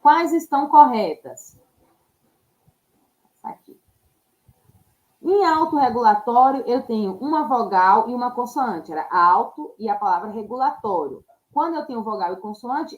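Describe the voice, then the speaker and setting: A woman teacher walking students through exam questions step by step, often checking in with quick tag questions. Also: fairly high pitch, animated, highs cut off. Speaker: Portuguese teacher. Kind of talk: exam-prep lesson.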